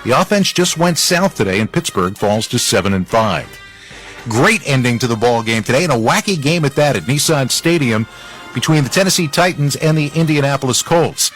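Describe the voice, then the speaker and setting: A man with a medium-pitched, fairly bright voice hosts a radio football roundup, animated and brisk as he runs through scores in a punchy, informal style with conversational asides. Faint music plays behind him.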